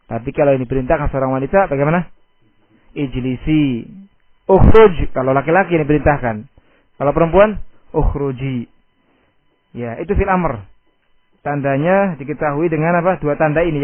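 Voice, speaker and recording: A man teaching an Arabic grammar lesson, asking questions and answering them himself, reciting Arabic examples slowly. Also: fairly high pitch, dry recording. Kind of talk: recorded Islamic study lesson. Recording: dry tinny phone-like audio.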